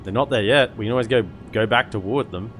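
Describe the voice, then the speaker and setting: A man with a fairly low voice gives casual commentary on a strategy game. He thinks aloud and answers viewers in a conversational way, with game music playing underneath. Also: quick pace, fairly bright tone. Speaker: gaming streamer.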